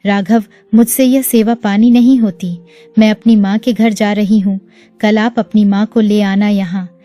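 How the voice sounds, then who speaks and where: A woman's voice: mid-range voice, fairly even intonation, a little slow, mellow, lightly acted. A woman voicing a scornful, selfish young wife. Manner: rude, scornful. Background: faint music.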